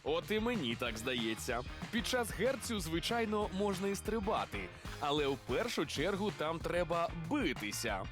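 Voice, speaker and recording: A man working as a TV street reporter, playfully quizzing people in a lively voice-over. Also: a little high, normal speed, music in the background. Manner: playful, teasing quizmaster.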